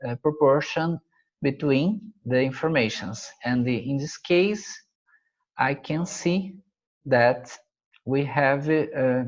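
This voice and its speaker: This man from Brazil, a native Portuguese speaker with a Brazilian Portuguese accent, teaches math over slides, hesitating and reaching for English words with frequent fillers. His voice is on the high side, and the recording has its highs cut off.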